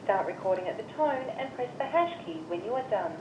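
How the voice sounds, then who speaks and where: A woman's recorded voice reading voicemail system menu prompts in measured, evenly spaced instructions, heard through a phone speaker. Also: fairly high pitch, expressive, darkish tone. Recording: muffled, echoey phone speaker with hiss.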